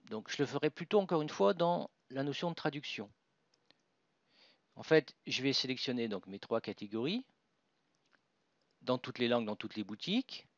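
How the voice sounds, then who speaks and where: A man presents a software tutorial, talking through each click on his screen with fillers and restarts. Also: medium pitch, lively intonation, moderate pace, pauses often, no room sound. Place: at a computer. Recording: dull, dry voice-over with mouse clicks.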